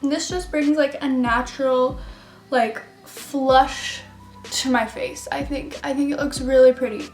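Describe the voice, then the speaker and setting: A woman's voice: sits high, fairly even intonation, measured pace, a little mellow. A young woman telling a story while doing her makeup, rambling and giggly with lots of fillers. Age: young adult. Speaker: beauty vlogger. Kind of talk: chatty get-ready-with-me storytelling. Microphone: camera mic. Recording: echoey room with faint music.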